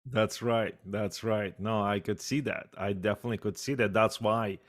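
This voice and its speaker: Low-voiced man hosting an interview. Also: fairly even intonation, normal speed. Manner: affirming listener, chuckles and agrees often. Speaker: podcast host. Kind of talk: casual interview.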